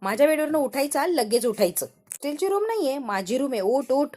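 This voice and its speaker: A woman's voice: high-pitched, very animated, brisk, darkish tone, pitched above the performer's own voice. A woman voicing a spoiled, snobbish young rich woman who bosses others and sneers at villagers. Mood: haughty. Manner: bossy, contemptuous.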